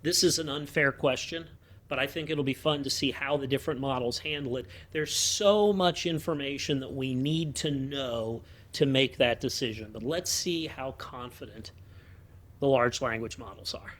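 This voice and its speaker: A man's voice: mid-range voice, moderate pace, a bit bright. A man hosting a podcast, explaining tax questions in a dry, wry, conversational way. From United States. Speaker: podcast host, tax advisor. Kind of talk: casual podcast talk.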